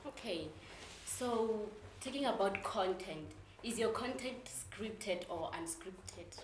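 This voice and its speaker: Young female interviewer, South African accent. Medium pitch, informal questioning, echoey room with slight noise. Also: expressive, slow. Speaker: show host, interviewer. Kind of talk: casual interview.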